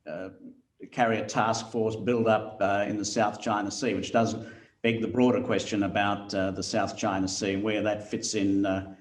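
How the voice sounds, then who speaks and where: A man's voice: lowish voice, reverberant. A man moderating a webinar, reading out audience questions hesitantly with many filler sounds.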